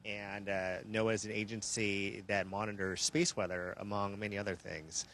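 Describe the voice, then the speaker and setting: A man with a fairly low voice speaks as an astronaut in a live question-and-answer link from orbit. He explains things in a measured, orderly way. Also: flat delivery, fairly bright tone, a little hiss or hum. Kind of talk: live question-and-answer downlink from a space station. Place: aboard a space station.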